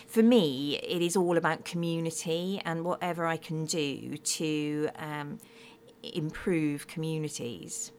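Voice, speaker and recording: A woman's voice: sits low, a little slow, darkish tone, slight background noise. A middle-aged woman from Swansea with a Swansea Welsh accent, talking conversationally as an author being interviewed. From Swansea, Wales.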